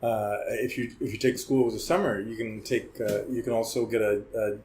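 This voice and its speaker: Brisk and a little mellow, a fairly low male voice with fairly even intonation carries this casual podcast conversation, with slight background noise. The guest, a criminal defense lawyer in his forties who grew up in Hong Kong, rambles through stories and keeps adding "right?" to his sentences.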